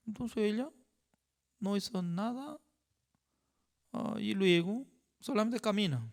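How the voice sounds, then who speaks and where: A male pastor leading a Bible study, talking in a halting way with non-native phrasing and frequent rhetorical asides. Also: high voice.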